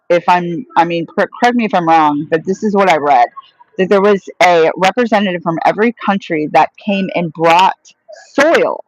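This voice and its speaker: On a live stream, an American woman with a lowish voice chats casually and answers viewer questions in a rambling, friendly way, like a vlogger responding to live chat. The audio is low quality with no room sound.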